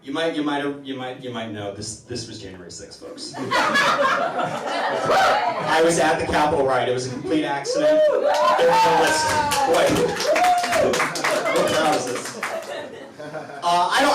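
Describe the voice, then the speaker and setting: Slightly high in pitch and swinging hugely up and down, the comedy town hall host rambles through his stand-up stories with stammers and false starts. It's captured at a distance in a noisy, roomy indoor venue with an audience.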